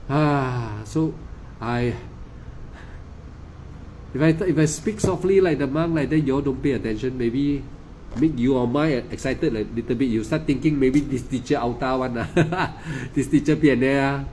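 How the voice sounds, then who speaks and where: A man's voice: mid-range voice, normal speed, mellow, slight background noise. A man with a Malaysian English accent giving an emphatic, repetitive dharma talk as a meditation teacher, often stammering and restarting. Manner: insistent, lecturing.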